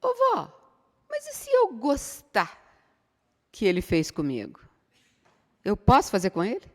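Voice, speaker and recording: A woman voicing a whiny, tearful five-year-old boy in a high, crying complaint, in a reverberant hall. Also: huge pitch swings, unhurried, full character voice. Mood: pleading.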